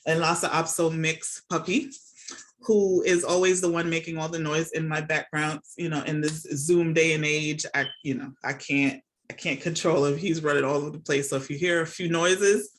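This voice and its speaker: A middle-aged nurse and academic, born and raised in Jamaica before moving to the United States as a child, chats casually as a podcast guest over a remote video call from home. Her low voice is steady and moderately paced, and she often checks in with the listener.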